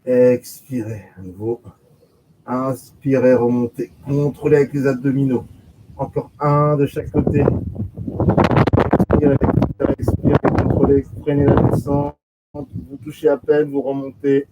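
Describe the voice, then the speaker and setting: A man teaching a pilates class, giving steady step-by-step commands, counting reps and repeating cues slowly. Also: medium pitch, rough recording. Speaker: pilates instructor. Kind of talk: guided exercise class instruction. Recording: loud background noise.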